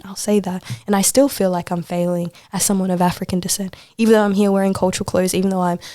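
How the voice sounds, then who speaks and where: An Australian woman, a poet and social worker, chats casually as a podcast interview guest. Her voice is lowish and darkish, and she speaks in an informal, emphatic way, repeating phrases for stress. The recording is dry with clean studio sound.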